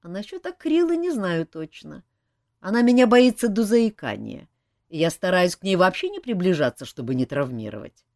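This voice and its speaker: A woman voicing a weary, blunt young king who grumbles in a gruff way. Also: high voice, sing-song, normal speed, dry recording, clean studio sound, voice pushed up. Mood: grumbling.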